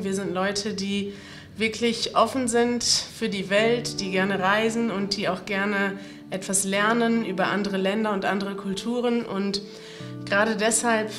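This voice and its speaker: A woman hosting a language-learning channel, speaking to her viewers in an earnest, heartfelt way about being moved. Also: medium pitch. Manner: earnest, emotional, reflective. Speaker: host.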